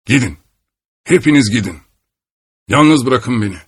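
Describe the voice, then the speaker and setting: A man's voice: deep voice, unhurried. A man reading aloud and voicing a dying middle-aged man who is bitter and frightened, speaking in abrupt, anguished outbursts.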